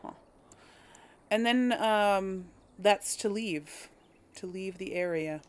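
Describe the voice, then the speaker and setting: Taking her time in a mid-range voice, a woman chats casually to viewers while hosting a role-play game. Her talk is hesitant and reflective, full of self-corrections as she thinks aloud.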